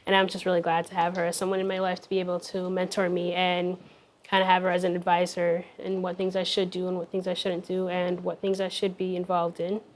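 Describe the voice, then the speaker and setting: A young woman from South Sudan answering interview questions, shy and soft-spoken with frequent fillers. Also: fairly low pitch, monotone, brisk, slight background noise. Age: young adult. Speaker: guest. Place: television studio.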